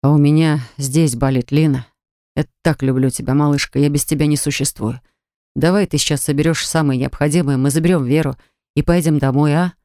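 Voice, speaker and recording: A woman narrator voicing a remorseful husband who begs his wife to come back, speaking low and hushed in an audiobook. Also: steady tone, a little fast, no echo, clean studio sound, close to an everyday voice. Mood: pleading.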